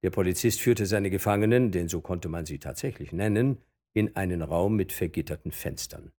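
A man narrating a storybook aloud in an expressive, dramatic reading. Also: low voice, normal speed.

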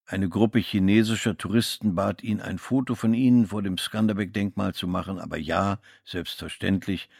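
A man reading a novel aloud as scripted audiobook narration, giving the characters' lines small shifts in pitch. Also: steady tone, normal speed, gravelly, few pauses, darkish tone, breathy edge, no room sound, clean studio sound.

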